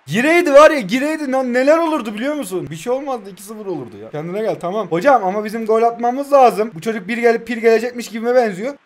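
A man's voice: very high-pitched, quick pace, hardly any pauses. A young man in his twenties giving casual, joking play-by-play commentary over a mobile football game, teasing himself and his viewers. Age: 20s. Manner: joking, teasing self-talk; excited play-by-play.

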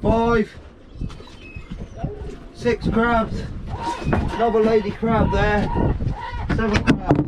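A man's voice: high voice, little pitch movement, extremely slow, pauses often. A young man narrating casually to viewers while hauling fishing pots, counting his catch aloud on a small open boat at sea, picked up by an action camera. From Guernsey. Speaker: fishing vlogger. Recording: loud wind and engine noise. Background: wind, water and boat engine.

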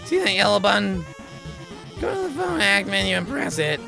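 Guy doing a shy nerdy lady scientist game sidekick, stammery and earnest, highish voice. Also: very animated, normal speed, gravelly, over music, exaggerated voice. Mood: anxious encouragement.

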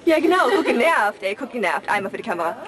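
A woman's voice: mid-range voice, sing-song, quick pace. A young woman filming backstage and commentating, teasing and joking with the cast. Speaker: camera operator and backstage commentator. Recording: noisy backstage crowd. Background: crowd chatter.

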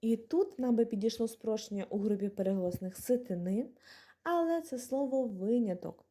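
Young adult woman, language teacher, mellow husky tone, slow and deliberate, word by word. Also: a little high. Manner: clear, deliberate, spells out letters and example words one by one. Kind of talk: exam-prep lesson, explaining rules with word examples.

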